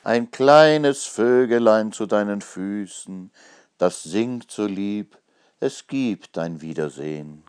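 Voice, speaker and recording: A man's voice: fairly low pitch, expressive, slow pace, a little mellow, clear, resonant tone. A man giving a theatrical recitation of a comic ballad, his delivery swelling and falling with the verse. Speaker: poetry reader. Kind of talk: dramatic poetry recitation.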